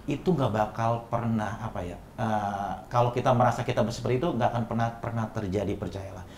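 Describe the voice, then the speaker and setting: A man's voice: lowish voice, fairly quick, darkish tone, roomy sound, a little hiss or hum. A man guest in a casual interview, speaking earnestly and in a preachy way.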